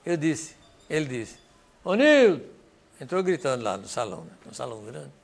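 An older man with a Northeastern Brazilian accent speaks in a creaky, mid-range voice at a fairly quick clip. He's a songwriter giving storytelling testimony, animated as he acts out dialogue and sings snippets.

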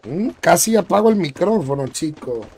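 Slightly high and husky with a darkish tone, a young streamer's voice is very animated at a moderate pace. Live on stream, he chats casually, says things more than once, and calls out viewers by name.

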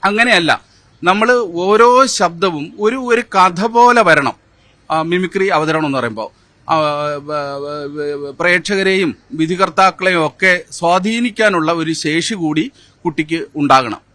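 A man in his fifties, a former mimicry champion, answering interview questions in a measured, hesitant way with many fillers. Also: a little high, bright, forceful tone, no echo. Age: 50s. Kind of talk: interview answers with poem recitation.

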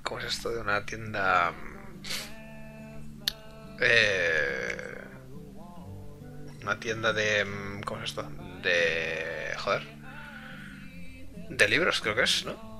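A man's voice: fairly low pitch, lively intonation, slow pace, pauses often, sharp tone, soft background music. A man streaming live and translating a game aloud, hesitant and full of fillers.

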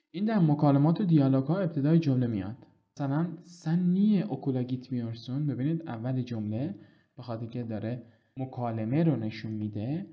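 A man teaching an online language lesson, explaining patiently and reading example sentences slowly and clearly. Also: mid-range voice, dull audio.

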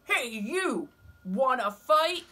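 A woman voicing a grouchy, pugnacious little male ladybug in a storybook read-aloud, with loud, drawn-out challenging taunts. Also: high voice, sing-song, voice pushed up, exaggerated voice. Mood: taunting.

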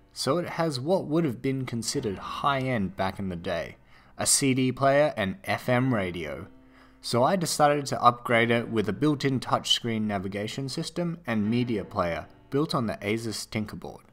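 A man with an Australian accent narrating a scripted voice-over for a build tutorial, in a steady, explanatory way. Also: mid-range voice. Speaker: tech video narrator.

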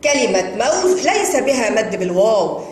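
A woman with an Egyptian accent teaching young children to read, stretching long vowels slowly as she sounds out words. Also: fairly high pitch, big pitch swings, a little mellow. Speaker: kindergarten Arabic teacher. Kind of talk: children's reading lesson. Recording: echoey room with long reverb.

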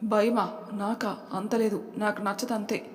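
A woman's voice: mid-range voice, level tone, a little slow, roomy sound, in a large hall, natural voice. A woman voicing a proud, stubborn young mother who refuses a bet. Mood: defiant.

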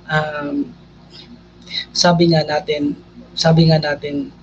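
A young priest speaks earnestly in an interview, his voice sitting high for a man. The sound is a little dull, with a faint hiss of noise underneath. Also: slow pace. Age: young adult. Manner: earnest, mixing Tagalog and English, animated rises. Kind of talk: conversational interview.

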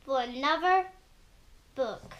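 A woman's voice: high voice, takes it slowly, lo-fi sound. A woman hosting a children's book read-aloud, reading carefully and imitating the sounds in the story. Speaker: host reading a picture book.

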